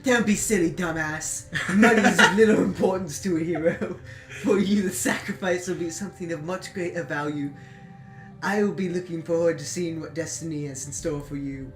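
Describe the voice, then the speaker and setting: A man's voice: on the high side, moderate pace, a bit bright, close to an everyday voice. A man voicing a mysterious young woman who addresses a hero, teasing and mock-solemn. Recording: echoey room with background music.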